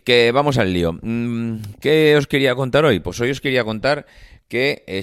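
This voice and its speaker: A man with a Spain Spanish accent hosting a casual podcast monologue, hoarse and nasally congested from a coming cold, rambling with many hesitations. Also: deep voice, dry recording, studio quality. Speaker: podcast host.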